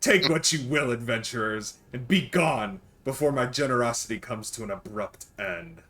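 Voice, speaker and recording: A man's voice: mid-range voice, expressive, moderate pace, fairly bright tone. A man voicing an unearthly, disembodied keeper of a treasure hoard, smug and grandly pronouncing, in a tabletop game. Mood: ominous, grand.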